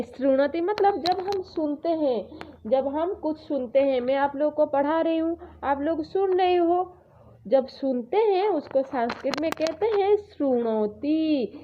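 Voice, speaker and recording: A woman teacher explaining words to schoolchildren in an online lesson, repeating each meaning slowly and mixing in English words. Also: high voice, highs cut off, slight background noise. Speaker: Sanskrit teacher.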